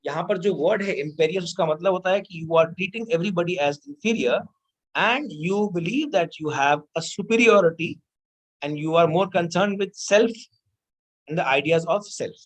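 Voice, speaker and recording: A woman's voice: lowish voice, extremely slow, poor audio. A young adult woman with an Indian accent teaching a vocabulary lesson, mixing Hindi and English, repeating key words and quizzing her students.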